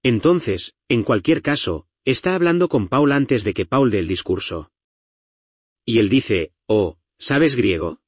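A man from the United States gives a Bible lecture in a husky voice that rises and falls with lively pitch. He talks in a conversational, explanatory way, full of asides. The sound is dry and close, with no room echo. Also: unhurried. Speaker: Bible teacher.

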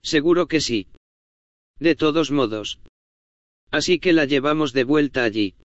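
A man's voice: fairly high pitch, unhurried, dry recording, highs cut off. A middle-aged man preaching a sermon, telling a family story in a folksy, conversational way with casual asides. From United States. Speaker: pastor.

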